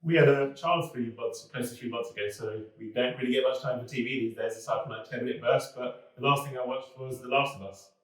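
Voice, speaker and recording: A man's voice: mid-range voice, a little fast, hardly any pauses. Man speaking in a very echoey room. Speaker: business development manager. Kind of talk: corporate talking-head video. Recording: very echoey room, mic far off.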